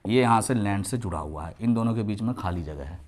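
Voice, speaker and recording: Low-voiced man teaching children. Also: animated, a little mellow, a little hiss or hum. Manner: repeats words slowly to drill names and pronunciation; mixes Hindi with English terms. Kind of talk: classroom lesson for young children.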